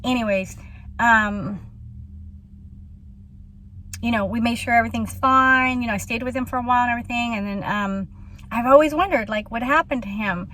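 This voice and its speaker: Filming outdoors in a small town, a woman with a fairly high voice tells a meandering story at a moderate pace, pausing at length, laughing, and saying um a lot. Occasionally she drops her voice to a whisper, and faint hiss or hum is audible.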